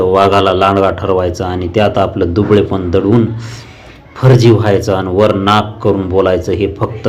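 Man voicing a defiant young village woman, cutting and indignant, low voice, storybook reading. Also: a little mellow, close to an everyday voice.

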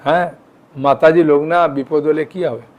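A man gives a relaxed devotional talk in a fairly high voice. He explains practices plainly and keeps asking his listeners if they follow. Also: moderate pace, muffled recording. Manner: conversational, frequent "yes?" and "all right?" checks with listeners. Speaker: devotional teacher. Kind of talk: informal devotional lecture.

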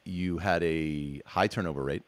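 A male podcast host with a very low voice, recorded close and dry with no room sound. He talks in a relaxed, casual way, often stacking short phrases and restarting his sentences. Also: measured pace, no room sound. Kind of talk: casual interview conversation.

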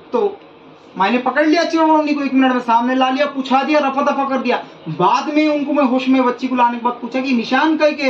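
A man with a high voice preaches as a faith healer, hammering his warnings home through repetition. He sounds set back from the mic in a roomy space. The recording has a dull, muffled tone. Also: recorded from a distance, slight background noise. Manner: emphatic, repeats warnings. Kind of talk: preaching to an audience.

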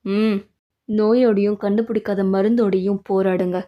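A woman voicing a commanding male master healer who speaks slowly and firmly in a low, authoritative voice, in a storybook-style drama reading. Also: steady tone, dull audio, lightly acted. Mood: stern.

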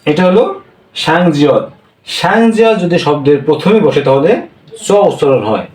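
Man teaching slowly, echoey and distant. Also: on the high side, a little mellow. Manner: explains slowly, repeats points, checks with "হ্যাঁ?". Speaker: Korean language teacher. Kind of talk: classroom-style lesson.

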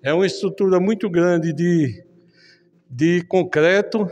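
A man's voice: high voice, unhurried, a little mellow, highs cut off. A man reporting on location for his online channel from inside a concrete tunnel, his voice echoing off the walls as he talks chattily to viewers. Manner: chatty, addresses viewers directly. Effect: echo of a concrete tunnel.

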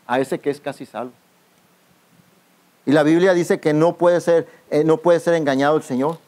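A pastor preaching at a youth camp, his voice sitting a touch high for a man. He keeps turning to his listeners to have them finish his lines, calling them brother as he goes. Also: fairly even intonation, moderate pace, a little mellow. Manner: calls out to the congregation for responses. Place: outdoor youth camp gathering.

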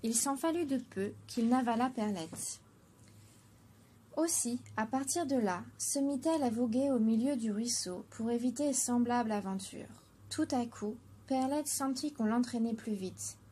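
Female narrator for a children's storybook: high-pitched, clear and gentle, with light background noise. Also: unhurried.

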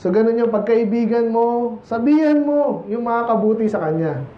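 High-voiced Filipino preacher in an echoey church. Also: male voice, normal speed. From Philippines. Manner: conversational, teasing, many rhetorical questions to the congregation. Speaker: pastor. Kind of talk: sermon. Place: church sanctuary. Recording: echoey, muffled church recording.

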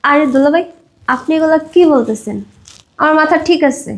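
Brief: actress as a flirty sister-in-law in a short film, high voice, coaxing and playful. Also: female voice, brisk, lightly acted.

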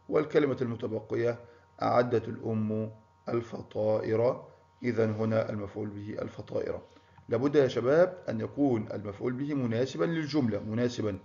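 A man's voice: medium pitch, warm tone. Encouraging male schoolteacher, muffled audio. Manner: encouraging, praises pupils by name. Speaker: primary school Arabic teacher. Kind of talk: online grammar lesson. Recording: muffled lo-fi recording.

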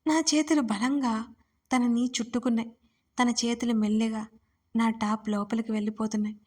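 A woman's voice: a little high, fairly even intonation, moderate pace, a little mellow. Woman narrating a romance story. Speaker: writer and narrator.

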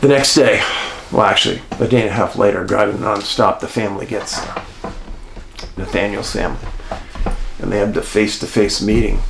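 A man hosting and telling a true-crime mystery story in an animated way, speaking straight to his listeners. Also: fairly low pitch, creaky, echoey room, a little hiss or hum. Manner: animated, addresses listeners as folks. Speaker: host and storyteller.

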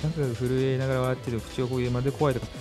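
A young man commentating a horror game, reading the text aloud and reacting with frequent high, loud panicked yelps. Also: steady tone, very fast, music in the background. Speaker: virtual YouTuber streamer. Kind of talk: game let's play commentary.

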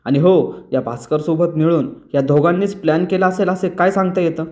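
A man's voice: on the high side, steady tone, fairly quick, a little mellow, pitched above the performer's own voice, natural voice. A man reading the lines of a spirited young woman defending her sister. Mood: defiant. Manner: defiant, retorting.

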